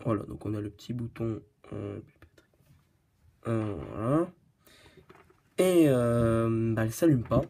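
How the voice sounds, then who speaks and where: A man's voice: mid-range voice, slow pace, gravelly, pauses often, dark tone. A man hosting a casual product review, hesitant and full of fillers and restarts, joking at his own expense. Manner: hesitant, many fillers and restarts, giggly and self-mocking. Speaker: host of a tech review channel.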